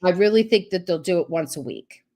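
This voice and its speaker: A woman's voice: fairly low pitch, expressive, brisk, dark tone. A woman hosting a casual live-stream chat over a video call, talking in a rambling way with many restarts. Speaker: host.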